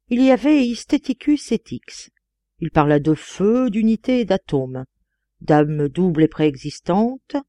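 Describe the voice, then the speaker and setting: A woman narrating a literary audiobook in a deliberate, expressive reading. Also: fairly low pitch, no room sound. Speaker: audiobook reader.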